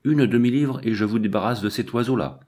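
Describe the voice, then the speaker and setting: A man's voice: mid-range voice, brisk, a little mellow, close to an everyday voice. A man voicing a burly, scheming male street tough who talks in a wheedling, businesslike way.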